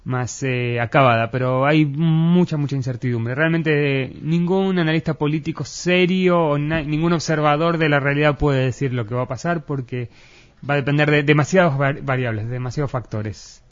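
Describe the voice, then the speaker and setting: A man's voice: fairly high pitch, moderate pace. A man from Argentina with an Argentine accent, explaining politics in an interview, hesitating often with fillers and restarts. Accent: Argentine Spanish. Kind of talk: analytical interview talk. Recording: muffled lo-fi recording.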